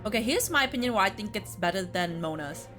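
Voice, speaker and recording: A medium-pitched woman talks fast and animatedly in a pushed, bright voice, with faint music in the background. As a co-host ranking video game quests, she chats casually, deliberating as though thinking out loud.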